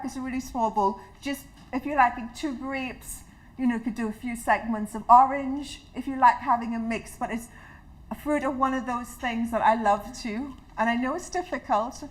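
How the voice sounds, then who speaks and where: A health educator from Trinidad leads an interactive health talk in a community hall with a live audience. She is warm, chatty, and personal, and restarts often. Her voice is a little high and moderately paced, and the audio is poor.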